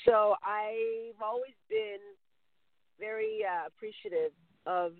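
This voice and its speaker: Man from Mexico, high voice, earnest interview guest who keeps rephrasing; thin phone-line sound, dry. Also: wildly swooping pitch, slow pace, vocal fry, no echo. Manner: earnest, circling back to rephrase. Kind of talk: conversational interview answers.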